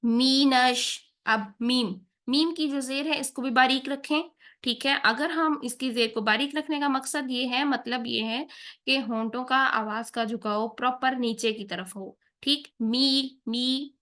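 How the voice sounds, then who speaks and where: A woman's voice: high-pitched, pushed and bright. Patient woman teaching Quran recitation rules. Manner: patient, checks in with "theek hai?" after each point. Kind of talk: tajweed lesson with slow recited examples.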